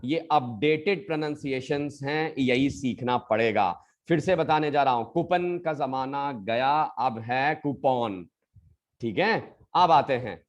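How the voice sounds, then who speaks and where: A male English teacher giving a pronunciation lesson, patiently addressing his students as children and repeating each word slowly to model it. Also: a little high.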